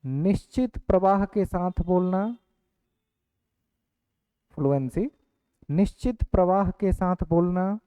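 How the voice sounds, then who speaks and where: A male teacher giving an online exam-prep class, dictating points slowly and repeating each one. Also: high voice, mellow, smooth, no room sound. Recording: dry, phone-like lo-fi audio.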